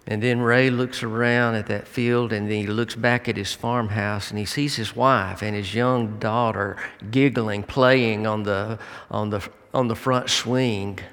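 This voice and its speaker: A man with a low voice retells a story from the pulpit at a slow, deliberate pace. He halts often, with fillers and restarts. A long hall reverb trails each phrase. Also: steady tone, a bit bright, clean tone. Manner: halting, with many fillers and restarts. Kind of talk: sermon retelling a film story.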